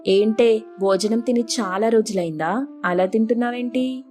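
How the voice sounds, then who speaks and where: A woman's voice: a little high, measured pace, a little mellow, soft background music, close to an everyday voice. A woman voicing an arrogant, bossy rich elder sister who brags and sneers at the poor. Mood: fussy. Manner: haughty, boastful and scornful.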